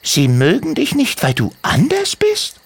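A man's voice: very high-pitched, huge pitch swings, measured pace, gravelly, breathy edge, no echo, pitched above the performer's own voice, heavily acted. A man voicing a kind but firm bearded father gnome who lectures children patiently. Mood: earnest, firm. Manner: earnest, patiently lecturing, repeats questions.

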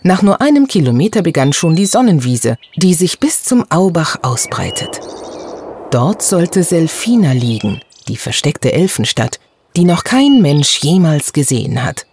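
Expressive children's-story narrator, first-person telling, wide lively pitch. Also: unhurried, a little hiss or hum. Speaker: audiobook narrator.

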